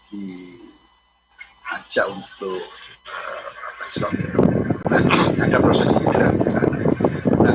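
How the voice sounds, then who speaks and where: A lowish male voice. He speaks slowly with halting pauses. A fan blows noisily into his microphone on a video call, so a loud whirring hiss sits over his words. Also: dull audio. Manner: unhurried, halting, with filler pauses. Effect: fan noise blowing into the mic. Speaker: guest speaker on education. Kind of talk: online talk show discussion.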